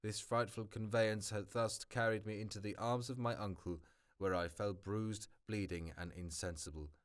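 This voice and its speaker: Low-voiced man reading a novel. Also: fairly even intonation, moderate pace, clear, resonant tone. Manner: stumbles, restarts and corrects words, remarks on the text. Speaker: hobby audiobook reader. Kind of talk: amateur audiobook reading.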